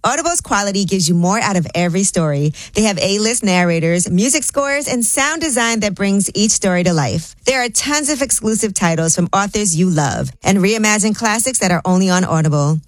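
A woman hosting a radio talk show, reading segments and ads in a smooth radio host delivery. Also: mid-range voice, animated, a little fast, hardly any pauses, dry recording.

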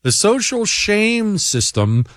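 This host speaks high and slowly yet very animated, his tone fairly bright, as he reads out listener emails and rails through a blunt, combative talk-show monologue. His restarts come with stammers, and the studio audio carries no echo.

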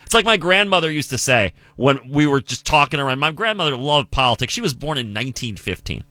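A man's voice: medium pitch, sing-song, fast, pushed and bright, dry recording. A man from the United States hosting a political commentary show, talking emphatically and asking rhetorical questions.

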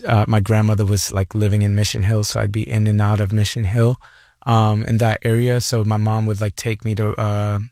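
Low-voiced, hesitant man from Boston. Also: little pitch movement, normal speed, mellow, no room sound, clean studio sound. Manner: rambling, hesitant, many fillers. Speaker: guest performer. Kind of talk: casual radio interview.

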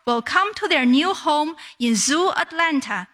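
A woman interpreter giving a translation voice-over of a speech in a measured, formal delivery. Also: sits high, animated, a bit bright.

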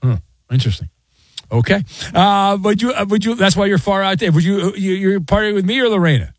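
A man's voice: high-pitched, lively intonation, a little fast, no room sound, clean studio sound. A man hosting a sports radio show with casual, wry, teasing banter.

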